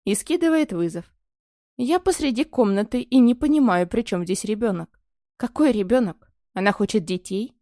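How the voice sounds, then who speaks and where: A woman's voice: on the high side, expressive, normal speed, warm tone, no echo, studio quality. Woman narrating a romance audiobook. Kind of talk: first-person romance novel narration.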